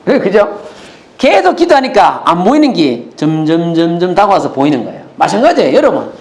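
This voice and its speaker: A male pastor preaching a sermon, animated, often putting questions to the congregation. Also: a little high, roomy sound, slight background noise. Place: church.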